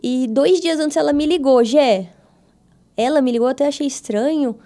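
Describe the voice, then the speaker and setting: High, gravelly Brazilian woman telling a testimony. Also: normal speed. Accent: Brazilian Portuguese. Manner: animated, acts out quoted dialogue with her voice. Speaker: podcast guest. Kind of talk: testimony storytelling in a casual interview.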